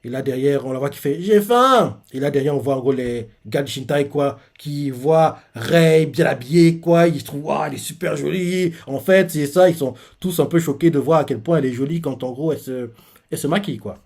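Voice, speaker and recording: A man's voice: mid-range voice, a little fast, mellow. A man giving casual live reaction commentary on a manga chapter, rambling with many fillers and restarts.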